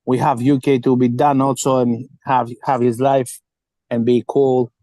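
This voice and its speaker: A man co-hosting a casual stream, blunt and swearing, with halting restarts. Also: mid-range voice, level tone, dark tone, no echo. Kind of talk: casual chat.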